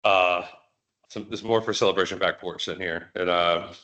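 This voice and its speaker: Low-voiced rambling man at a meeting. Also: steady tone, normal speed, bright, forceful tone, lo-fi sound. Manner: rambling, full of fillers and restarts. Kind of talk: casual meeting talk.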